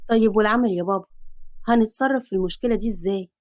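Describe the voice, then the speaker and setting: A woman's voice: mid-range voice, very fast, dry recording, clean studio sound, close to an everyday voice. A woman with an Egyptian accent voicing a worried young adult son in a storybook reading, earnest and anxious. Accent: Egyptian Arabic.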